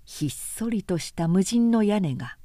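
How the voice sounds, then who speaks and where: A woman narrating a classic novel in a slow, measured audiobook reading, close to a studio mic. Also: medium pitch, animated, warm tone, dry recording.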